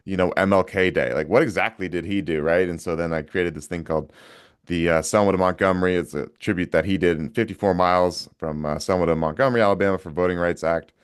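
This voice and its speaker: Emphatic low-voiced man, casual talk. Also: quick pace, clean tone. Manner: energetic, emphatic, swears casually. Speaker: guest. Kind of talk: casual conversation.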